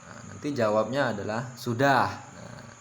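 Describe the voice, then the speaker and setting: A man from South Sumatra in Indonesia gives a casual, halting lesson, full of fillers and repeated phrases. He jumps up in pitch each time he says an example word, and he is apologetic about his pronunciation. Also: a bit bright, a little hiss or hum. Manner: apologetic, pitches up sharply when saying example words. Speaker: language-learning vlogger. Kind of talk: casual teaching monologue.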